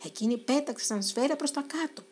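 A woman narrating a children's storybook in an expressive, dramatic way. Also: high voice, slight background noise.

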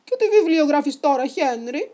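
A woman voicing a stern, loud male pirate captain in a children's story. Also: high-pitched, animated, pitched above the performer's own voice. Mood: curious.

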